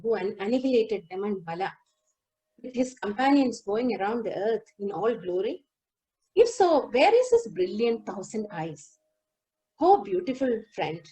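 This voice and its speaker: A woman giving a lecture demonstration over a video call, explaining song lyrics line by line and singing a few verses slowly. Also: a little high, big pitch swings, dark tone, rough recording. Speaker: lecturer on Carnatic music. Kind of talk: lecture demonstration with sung lines.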